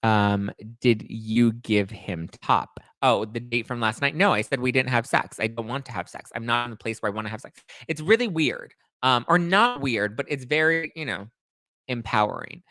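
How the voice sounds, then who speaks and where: A man in his late twenties hosts a live stream, reading viewer comments aloud and answering them in a candid, chatty way. His mid-range voice is expressive, pushed and bright, at a moderate pace. The recording is dry.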